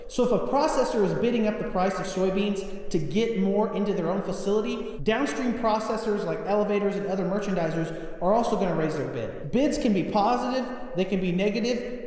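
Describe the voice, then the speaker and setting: Man narrating a farm vlog, slightly high. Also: darkish tone. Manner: clear, methodical explaining with dry asides. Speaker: farmer and vlog host.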